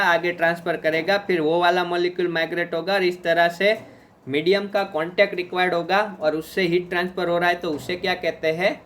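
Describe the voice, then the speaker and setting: A man's voice: high-pitched, a bit bright. A man giving an exam-prep lecture with an Indian accent, mixing Hindi and English and answering his own questions.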